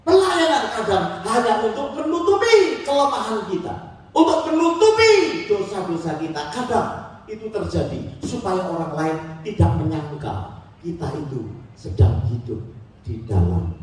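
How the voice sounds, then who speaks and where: A man, preaching a sermon as a pastor, acting out quotes and swinging between loud and soft. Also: sits high, big pitch swings, normal speed, slight background noise. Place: church hall. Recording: very echoey hall, mic from a distance.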